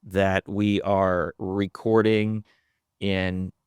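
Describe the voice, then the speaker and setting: A man's voice: deep voice, flat delivery, extremely slow, smooth, dry recording, studio quality. A man co-hosting a casual podcast, blunt and joking with some swearing. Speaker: podcast co-host. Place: house in Texas Hill Country.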